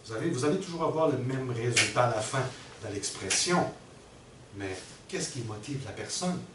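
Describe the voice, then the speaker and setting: Middle-aged workshop presenter, patient and explanatory, recorded from afar in an echoey room with background noise. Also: male voice, mid-range voice, animated, normal speed. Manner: explanatory, checks in often with the audience. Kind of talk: teaching a workshop. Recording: roomy and distant with background noise.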